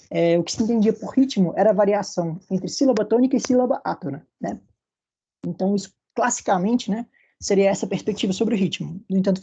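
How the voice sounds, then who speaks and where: A man's voice: high voice, vocal fry, mellow, husky. A man with a Brazilian Portuguese accent giving an academic literature lecture, explaining at length with frequent tag questions and restarts.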